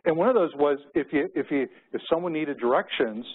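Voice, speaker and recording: In a windowed conference room, a middle-aged American man delivers a keynote, spinning personal anecdotes like a storyteller. His voice runs on the high side and slightly rough, with lively intonation and a fairly quick pace. The recording sounds muffled, with phone-like narrow-band quality.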